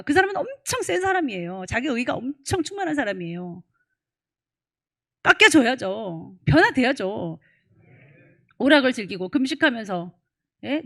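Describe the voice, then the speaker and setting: A woman's voice: a little high, a bit bright. Woman pastor, church sermon, emphatic, prods the congregation with rhetorical questions.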